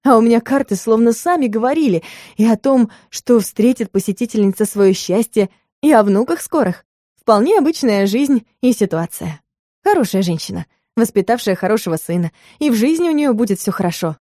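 A woman narrating a first-person audiobook in a lively storytelling manner. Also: on the high side, fairly quick, no echo, clean studio sound.

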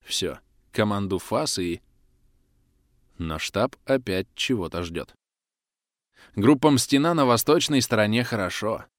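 A man's voice: on the low side, expressive, unhurried, long pauses, dry recording. A man reading a first-person action story aloud with dramatic storytelling on a close mic. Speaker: audiobook narrator. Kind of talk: first-person audiobook narration.

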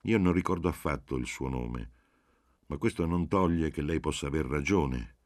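A man's voice: very deep voice, moderate pace, darkish tone, no room sound, studio quality. A man reading a cautious, doubtful old professor. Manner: hesitant then yielding. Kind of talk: audiobook reading.

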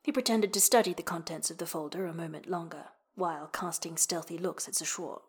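A woman reading a novel aloud as the narrator, in steady storytelling narration that drops low and hushed at phrase ends. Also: fairly quick, breathy edge. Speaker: audiobook narrator. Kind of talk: scripted narration.

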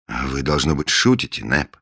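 A man voicing a composed gentleman detective who speaks in a quiet, doubting, understated way. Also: extremely low pitch, very animated, moderate pace, gravelly, slightly rough, heavily acted. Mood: skeptical. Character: skeptical, composed gentleman detective, dry and restrained.

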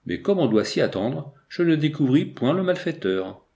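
A man narrating a first-person story as an audiobook reader, measured with lively emphasis. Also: fairly high pitch, creaky.

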